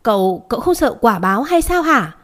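A woman's voice: fairly high pitch, expressive, fairly quick, a little mellow, lightly acted. A woman voicing a poor, timid old nanny who stammers through an indignant outburst.

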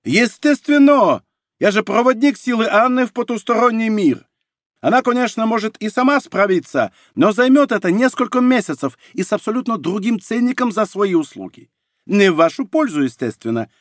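A man's voice: sits high, big pitch swings, moderate pace, dry recording, clean studio sound, pitched above the performer's own voice. A man voicing a boastful, lying French chatterbox with a glib sales patter, in an audiobook. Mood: hustling.

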